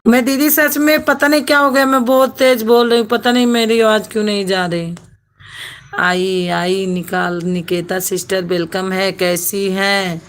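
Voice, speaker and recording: A woman's voice: medium pitch, steady tone, measured pace, a bit bright. A woman hosts a casual live stream on her phone and chats away. She reads viewer comments aloud, greets people one by one and laughs often.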